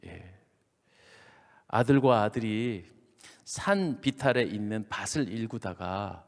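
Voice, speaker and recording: A pastor from Chungcheong with a Chungcheong accent, telling a revival sermon in an animated storytelling way, dropping to hushed asides. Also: male voice, mid-range voice, long reverb tail. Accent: Chungcheong Korean. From Chungcheong, Korea. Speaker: senior pastor. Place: church sanctuary.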